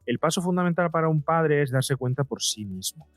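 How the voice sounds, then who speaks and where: Slightly high and expressive, this middle-aged psychologist's voice moves briskly in a dry, echo-free recording with faint music behind. He explains emphatically and conversationally in the interview, frequently voicing imagined dialogue.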